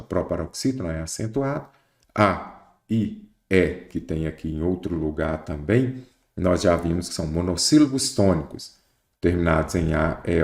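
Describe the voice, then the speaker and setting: Deep-voiced Brazilian teacher, echoey room. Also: male voice, gravelly, a little mellow. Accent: Brazilian Portuguese. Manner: explains step by step, asks the listener questions. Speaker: Portuguese teacher. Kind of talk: exam prep lesson.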